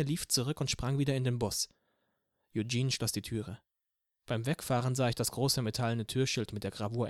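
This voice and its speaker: A man narrating a novel in the first person as an audiobook, in a steady storytelling manner. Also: mid-range voice, dry recording, clean studio sound. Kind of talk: scripted narration.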